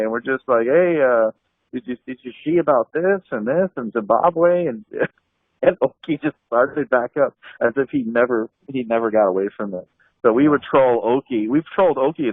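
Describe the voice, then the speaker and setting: A man's voice: medium pitch, no echo. A man casually reminiscing on a group call, rambling with many fillers and restarts and laughing often. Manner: laughs often while telling stories. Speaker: anti-scam blogger on a group call. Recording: dry tinny call audio.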